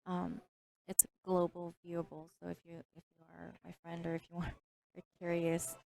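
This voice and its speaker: A woman's voice: on the low side, monotone, normal speed, gravelly, warm tone. A woman who is not a native English speaker, chatting casually as a pool match commentator and laughing at her own jokes.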